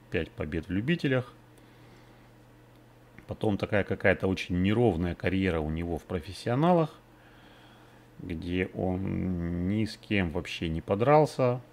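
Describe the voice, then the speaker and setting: A man's voice: low-pitched, a little mellow. A man hosting a betting podcast, previewing fights in a casual, hesitant way, thinking aloud with many fillers. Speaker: MMA betting podcast host.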